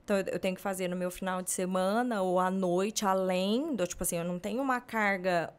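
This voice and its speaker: A woman's voice: mid-range voice, steady tone, a little fast, smooth. A woman from Brazil, hosting a podcast in casual conversation, who retells a friend's story and quotes her at length. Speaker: podcast host.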